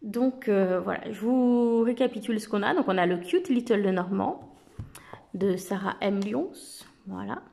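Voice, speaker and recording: A woman vlogger chatting casually to camera, relaxed, with many filler words as she presents card decks. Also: medium pitch, unhurried, creaky.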